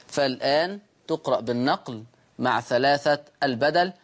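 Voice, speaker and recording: A man's voice: medium pitch, normal speed. A man with an Egyptian accent hosting a Quran recitation lesson, patiently explaining rules and repeating each point twice. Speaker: Quran recitation teacher and host.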